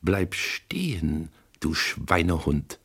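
A man's voice: sits high, expressive, normal speed, creaky, slightly rough, pitched above the performer's own voice, full character voice. A man doing a wild, giggly young woman. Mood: menacing.

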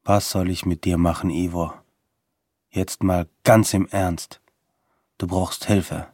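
Gruff young male friend, read by a man, low and hushed, husky. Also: very slow, no room sound, studio quality, exaggerated voice. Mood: serious. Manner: low and quiet, slips into a whisper.

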